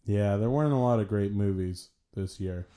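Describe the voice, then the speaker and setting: A man's voice: lowish voice, moderate pace, mellow. A young man co-hosting a casual podcast, joking around playfully and laughing often. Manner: giggly, playful banter. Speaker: podcast co-host. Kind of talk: casual news chat.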